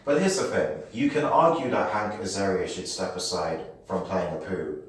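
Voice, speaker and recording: A British man with a very low voice co-hosts a casual podcast debate, pressing his partner with long, reworded questions. He sits away from the mic in a strongly echoing room. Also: sing-song, moderate pace, background noise. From Britain. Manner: probing, asks long rephrased questions. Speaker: podcast co-host. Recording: very echoey room, distant mic.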